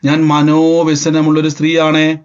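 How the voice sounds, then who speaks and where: A man's voice: fairly high pitch, monotone, a little slow, pitched below the performer's own voice, lightly acted. A preacher voicing a grieving woman who humbly pleads before a priest, on a dull lo-fi recording. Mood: pleading. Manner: humble, imploring. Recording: dull lo-fi sound.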